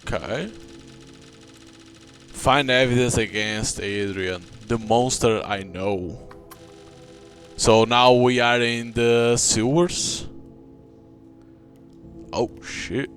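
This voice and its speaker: A man's voice: mid-range voice, very slow, pauses often, fairly bright tone. A man giving casual commentary as he plays a video game. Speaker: gamer playing on camera. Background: game music.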